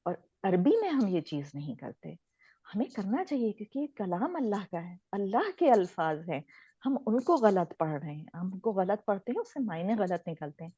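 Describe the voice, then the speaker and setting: Speaking in a mid-range, mellow, husky voice, this Quran recitation teacher from Pakistan is very animated during her informal online lesson. She explains conversationally, mixes in English words, and there's no room sound, though the lo-fi recording is dull.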